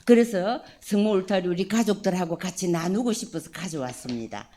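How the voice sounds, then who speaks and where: A woman, a religious sister, giving a spoken lecture to her listeners and asking them questions as she goes. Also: on the low side. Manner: slow prayerful opening, then lively conversational teaching with questions to listeners. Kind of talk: prayer then spoken lecture.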